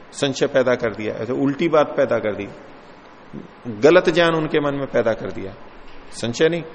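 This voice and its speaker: A man giving a lecture on yoga scripture, explaining each term patiently and with many examples. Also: mid-range voice. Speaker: yoga philosophy teacher. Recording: long hall reverb with faint noise.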